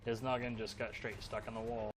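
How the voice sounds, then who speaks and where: A man's voice: on the low side, level tone, fairly quick, background noise. A man live-streaming a game, chatting casually with dry, joking banter and free swearing into a desk microphone. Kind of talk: casual live-stream chat while gaming.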